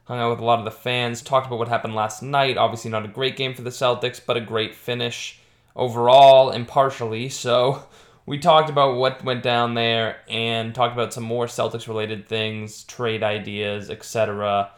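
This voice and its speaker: A man's voice: mid-range voice, flat delivery, moderate pace. A man hosting a podcast, giving a casual introduction. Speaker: podcast host.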